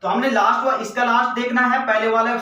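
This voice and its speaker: Man, teacher, exam-prep grammar lesson, repetitive question-and-answer style, high voice, very echoey distant recording. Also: little pitch movement, fast talker, pushed and bright. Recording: echoey room, mic at a distance.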